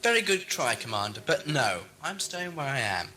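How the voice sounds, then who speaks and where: Man playing the Doctor, bright, forceful, animated adventurer. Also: mid-range voice, moderate pace. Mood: suspicious, defiant. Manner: wry, questioning, theatrical. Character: inquisitive, moralising time-travelling alien adventurer, a man. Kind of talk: science fiction audio drama acting. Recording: faint hum and noise, amateur tape.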